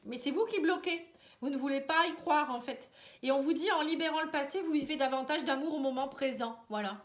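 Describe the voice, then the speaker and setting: A woman with a high, slightly fast voice reads tarot and oracle cards for a casual horoscope to camera. Congested and tired, she talks directly to the viewer, sprinkling in "hein" and "vous voyez," and the recording sounds roomy and resonant.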